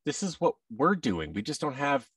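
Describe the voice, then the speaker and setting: Guesting on a podcast by video call from an indoor room, a thirty-something audio drama creator chats casually and animatedly performs quoted exchanges. His mid-range voice moves at a normal speed. His boom-arm microphone with headset seems to capture him from a distance, with a little hiss or hum.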